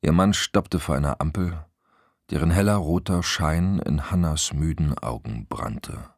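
A man narrating an audiobook in an expressive storytelling manner. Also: very deep voice, measured pace, vocal fry, no echo, clean studio sound. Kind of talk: scripted narration.

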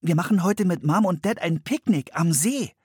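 An eager, chatty little girl as a man puts her on for a storybook, her voice jumping high with excitement. The tone stays slightly husky, and the recording is close and dry. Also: normal speed, no echo, full character voice. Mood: excited. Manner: bright, excited exclamations.

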